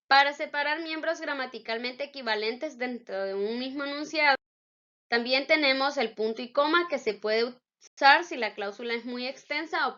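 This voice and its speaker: A woman teacher explaining spelling and punctuation rules slowly and with careful enunciation. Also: fairly high pitch, bright, forceful tone. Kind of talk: spelling and grammar lesson. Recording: dull lo-fi recording.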